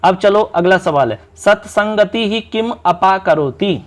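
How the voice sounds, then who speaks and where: A male Sanskrit teacher giving a brisk, chatty exam-prep lesson, calling his students friends and counting things out step by step. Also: sits high. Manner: counts out syllables slowly, stressing answers.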